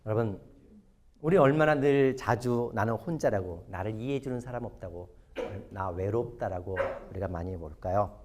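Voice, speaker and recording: A male pastor giving a lively sermon lecture to an audience, often putting questions to them. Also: lowish voice, normal speed. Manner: animated, asks the audience questions. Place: church or hall lecture before an audience.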